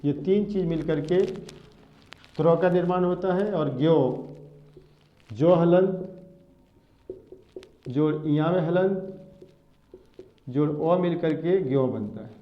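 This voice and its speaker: A man teaching a Hindi grammar lesson, going over each point slowly and repeating it as a drill. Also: on the high side. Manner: slow, repetitive drilling of points. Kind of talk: classroom lesson. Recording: echoey room, dull lo-fi sound.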